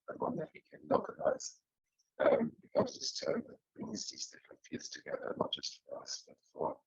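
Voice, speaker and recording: A man giving a presentation on a video call, his audio buzzy, glitchy and robotic as it keeps cutting out, speaking in a hesitant, halting way. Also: very high-pitched, wildly swooping pitch, creaky, breathy edge, no echo, highs cut off. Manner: hesitant, halting, with many fillers. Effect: buzzy, glitchy, robotic-sounding video call audio that keeps cutting out. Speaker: researcher presenting on a webinar. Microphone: distant laptop mic.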